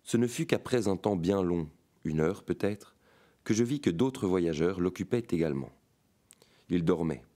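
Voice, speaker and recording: A man with a very deep voice reads a fantastic tale aloud. He narrates in a measured, dramatic way, as in an audiobook. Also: lively intonation, mellow. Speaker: reader of a short story.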